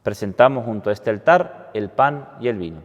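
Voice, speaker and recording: A man, a priest giving a homily and prayers at Mass in a solemn, deliberate way, with a cathedral-like echo. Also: lowish voice, expressive. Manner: solemn, deliberate delivery with measured phrases. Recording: cathedral-like echo, long reverb.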